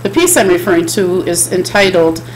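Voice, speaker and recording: A woman's voice: fairly low pitch, lively intonation, normal speed, slight background noise, low-quality recording. A middle-aged woman giving a chapel sermon from a home office, speaking in an earnest, repetitive preaching cadence into a desk webcam. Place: home office with bookshelves, indoors.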